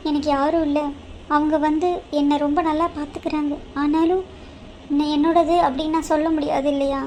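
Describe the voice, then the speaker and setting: A woman's voice: high-pitched, a little mellow, a little hiss or hum, close to an everyday voice. A woman voicing a young, emotional wife in a cartoon drama, pleading and devoted to her husband.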